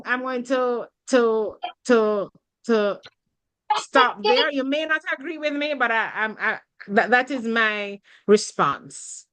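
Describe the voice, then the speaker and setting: A woman giving a webinar talk over a video call, deliberate and often repeating words as she finds her phrasing. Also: fairly high pitch, fairly bright tone, rough recording. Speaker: guest speaker. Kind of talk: webinar talk answering a question.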